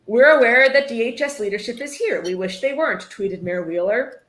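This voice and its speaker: Her voice is fairly high, brisk, and a bit bright as she reads passages from a book during a charity livestream. The host keeps things casual, mixing in sardonic asides and free swearing. Echo from the room is noticeable.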